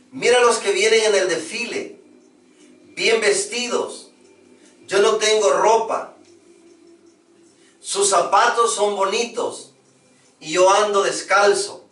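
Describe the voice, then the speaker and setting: A man voicing a poor, ragged beggar pleading with a king for clothes, in drawn-out cries. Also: high voice, a bit bright, roomy sound, far from the mic, voice pushed up.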